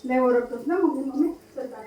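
High-pitched lady scolding her chatty pet at home, echoey room, a bit far from the mic. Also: brisk, dark tone, a little hiss or hum. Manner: scolding and teasing, baby-talk to pets. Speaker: pet owner talking to her parrot.

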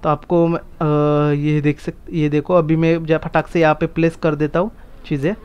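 A man streaming a mobile survival game, chatting casually and firing off repeated excited commands to his teammates. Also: fairly high pitch, moderate pace, clean tone, dull audio. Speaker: gaming streamer. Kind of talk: casual gameplay chat.

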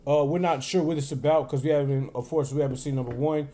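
A man's voice: fairly high pitch, steady tone, quick pace, dark tone. Laid-back man hosting a reaction channel. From Arkansas. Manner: laid-back, loose, filler-heavy, tags sentences with "man". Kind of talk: casual chat.

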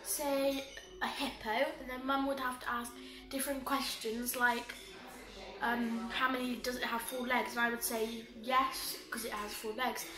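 High-voiced young woman in a cafe. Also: roomy sound, a crowd in the background. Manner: relaxed, halting explanation with fillers. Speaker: vlogger's daughter. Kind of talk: casual chat.

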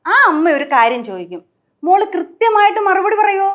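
A woman's voice: extremely high pitch, sing-song, brisk, fairly bright tone, full character voice. An actress playing a stern mother who questions and warns a young woman in a TV sitcom. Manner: firm, scolding. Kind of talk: sitcom acting.

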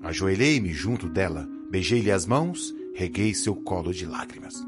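A man narrating a dark audiobook in an expressive storytelling voice over background music. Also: low voice, unhurried.

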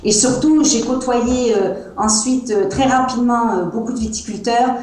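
Heard through earbuds on a video call, this guest is a woman from France who sells wine and speaks with a Provençal accent. Her fairly high, darkish voice moves at a moderate pace, hesitant and full of fillers, while the small room at home makes the sound echo.

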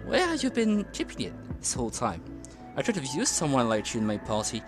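Speaking slightly quickly at medium pitch with wildly swooping inflection, a man gives casual, playful commentary on his game stream. He reacts chattily and echoes the characters, backed by game music.

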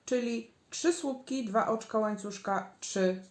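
A woman's voice: fairly high pitch, slow pace. A woman giving a patient, step-by-step crochet tutorial, counting stitches aloud as she works. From Poland. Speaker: crochet instructor. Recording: echoey room.

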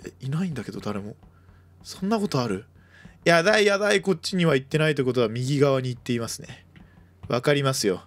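A drunk man chatting excitably during an online game, silly and prone to laughing and chanting. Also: medium pitch, fast, dry recording. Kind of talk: casual multiplayer game chat.

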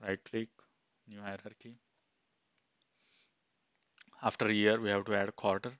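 A man in his thirties, an instructor, talking step by step through a screen-recorded software tutorial on a headset mic, with fillers as he goes. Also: on the low side, little pitch movement, a little slow, no room sound, muffled recording. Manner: plain step-by-step, thinking aloud with fillers. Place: small room indoors.

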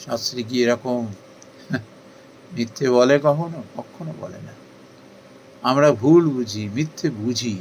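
A man giving a devotional talk in an earnest, persuasive way, asking questions and then answering them himself, with rising emphasis that softens again. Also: a little high, a little hiss or hum, poor audio. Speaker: spiritual speaker. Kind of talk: devotional discourse.

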